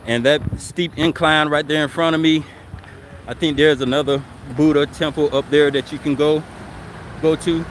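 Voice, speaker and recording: A man's voice: a little high, normal speed, slight background noise. Man talking muffled through a face mask. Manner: relaxed, rambling, self-correcting. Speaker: vlogger. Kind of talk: casual walking vlog chat. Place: outdoors on city streets and in a park.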